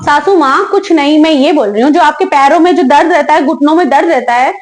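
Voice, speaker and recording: A woman voicing a lazy, cheeky young daughter-in-law who talks back quickly and chattily in a comic family sketch. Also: high-pitched, lightly acted. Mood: arguing. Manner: quick, chatty, giggly backtalk.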